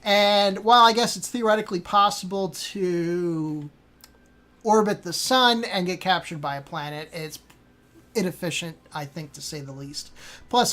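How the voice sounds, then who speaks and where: A woman's voice: medium pitch, a bit bright. A woman hosting a casual gameplay walkthrough, rambling with many fillers and self-corrections. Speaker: host.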